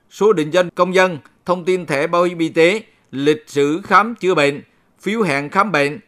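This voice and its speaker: A man with a somewhat high-pitched voice reads a local radio bulletin. His delivery is formal and measured, clearly following a prepared script for a public announcement. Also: fairly bright tone.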